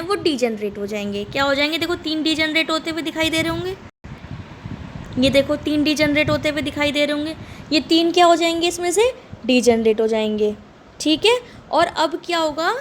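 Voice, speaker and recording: A woman's voice: high-pitched, slight background noise. A woman teaching a class who keeps asking her students questions and answering them herself. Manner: repeats questions back to students. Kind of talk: lecture.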